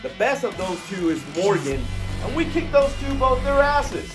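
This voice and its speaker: Over prominent music, a very high-voiced man with as his cuts a wrestling promo. His delivery is emphatic and confrontational, aimed straight at his rivals. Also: very animated, moderate pace. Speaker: professional wrestler, tag team partner. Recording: loud music behind the voice.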